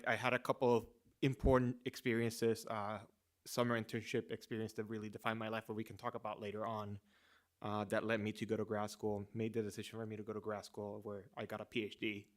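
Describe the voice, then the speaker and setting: A man from Rico, in his thirties, giving a relaxed personal talk at a symposium, full of fillers and restarts. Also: fairly low pitch, a little fast. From Puerto Rico. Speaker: symposium speaker.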